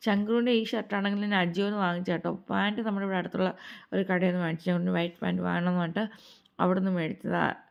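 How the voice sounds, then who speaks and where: A woman's voice: mid-range voice, creaky. A young woman narrating a family vlog as a casual voice-over, rambling and chatty. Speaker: family vlogger. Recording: slightly dull lo-fi recording.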